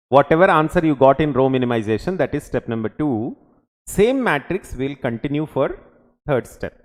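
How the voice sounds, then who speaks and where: A man in his forties with a Telugu Indian English accent and a fairly high-pitched, darkish voice teaches a class in an indoor studio or classroom. He speaks in short instructional phrases, often asking check questions, and the room is reverberant.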